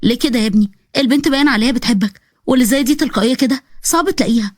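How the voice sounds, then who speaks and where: A woman's voice: fairly high pitch, very fast, darkish tone, dry recording, studio quality, lightly acted. A woman voicing a kindly, fussy middle-aged mother with an Egyptian accent, fretting and coaxing. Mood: fretful. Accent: Egyptian Arabic. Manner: fretful, coaxing.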